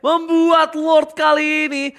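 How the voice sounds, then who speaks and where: A man with an Indonesian accent calling esports play-by-play like a fighting game announcer, in excited, punchy hype calls sprinkled with English gaming terms. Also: extremely high pitch, slow, creaky, slight background noise. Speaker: esports shoutcaster. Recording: music behind the commentary. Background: music.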